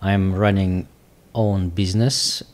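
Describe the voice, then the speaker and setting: A man in his forties with a Russian accent, speaking in halting, searching English as an interview guest. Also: low voice, flat delivery, darkish tone. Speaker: guest, business owner. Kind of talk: casual interview talk.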